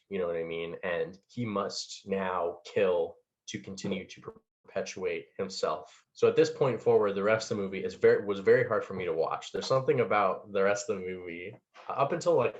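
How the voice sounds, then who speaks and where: A man casually recapping a movie plot with lots of fillers and laughs. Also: sits low. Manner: rambling, many fillers and laughs. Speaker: podcast co-host. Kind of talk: casual chat about a film. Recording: dull lo-fi sound.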